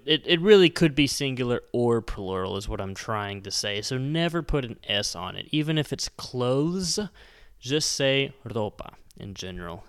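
A young man hosting a casual podcast lesson on Spanish, upbeat and chatty, slowing down to spell out phrases. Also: medium pitch, a bit bright, clear, resonant tone. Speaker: Spanish teacher, podcast host.

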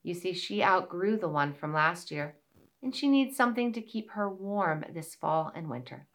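A woman voicing a kind, smiling old woman who spins wool, speaking gently and softly. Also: fairly low pitch, lively intonation, moderate pace. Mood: gentle. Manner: gentle, soft, warm-hearted.

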